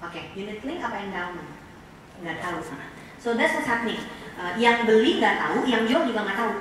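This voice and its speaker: A woman from Indonesia giving a lively, slangy, jokey talk on personal finance to an audience. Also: a little fast. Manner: chatty, slangy, jokey, mimics relatives in shrill voices. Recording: echoey hall, voice from far off, noisy.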